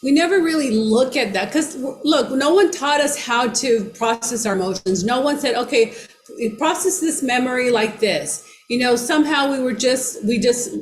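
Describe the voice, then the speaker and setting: Female co-coach, reflective and halting, slightly higher voice, roomy sound. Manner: reflective, halting, many fillers and restarts. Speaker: brain-training coach. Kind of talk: teaching an online class. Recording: roomy echo with faint background noise.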